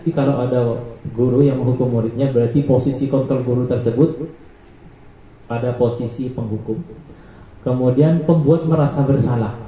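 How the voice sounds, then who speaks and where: Male teacher, lesson presenter, reads out numbered lists; dark tone, very roomy echo. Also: mid-range voice, steady tone, normal speed, long pauses, slight background noise. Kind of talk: presenting a training module. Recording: echoey room.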